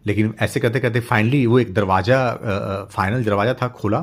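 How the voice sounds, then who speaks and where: A man's voice: lowish voice, steady tone, moderate pace. A middle-aged man telling a motivational story off the cuff, with fillers and repeated words. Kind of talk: casual spoken story narration.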